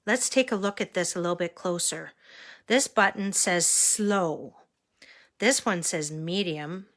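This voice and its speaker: A woman reading a picture book aloud to a toddler, expressive and sing-song, pausing to ask the child simple questions. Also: lowish voice.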